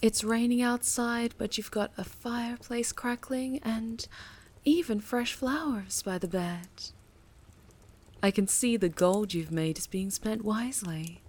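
Sultry whispering otherworldly patron played by a woman; slow delivery, breathy tone, audio roleplay. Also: mid-range voice, a little mellow. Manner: teasing, purring, slow. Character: seductive otherworldly female warlock patron, teasing and possessive.

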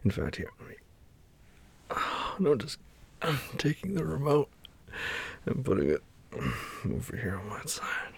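A man softly murmuring and whispering in an intimate roleplay, soothing a partner back to sleep. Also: medium pitch, big pitch swings, measured pace, pauses often. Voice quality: husky and breathy. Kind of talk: whispered boyfriend roleplay ASMR.

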